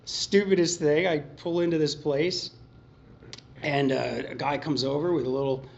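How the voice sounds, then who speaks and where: A man's voice: a little high, normal speed, vocal fry. Man telling his recovery story. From Pennsylvania. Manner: animated storytelling, acts out voices in his head, laughs often. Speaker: recovery meeting speaker. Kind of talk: personal story talk. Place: meeting room. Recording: slightly dull, faint hiss.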